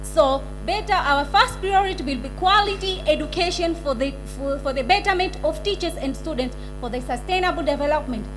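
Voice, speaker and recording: A young woman with a Zanzibari accent giving a formal, rehearsed business pitch to an audience, stumbling over some words. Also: a little fast, hardly any pauses, music in the background, low-quality recording. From Zanzibar, Tanzania. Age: young adult.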